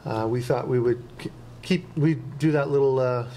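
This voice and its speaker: A man gives his report to a town council in a casual, plainspoken manner, with the odd filler. His voice sits at a middle pitch. A faint hiss lies under the recording. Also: normal speed, warm tone, rough recording. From Canada. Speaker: town administrative officer at a council meeting. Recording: faint noise, council chamber.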